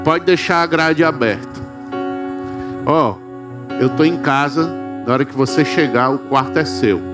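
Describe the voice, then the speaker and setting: A man's voice: on the high side, a little slow, natural voice. A man voicing a grieving wealthy father who pleads with emotion and forgives his son's killer, over faint music. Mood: pleading.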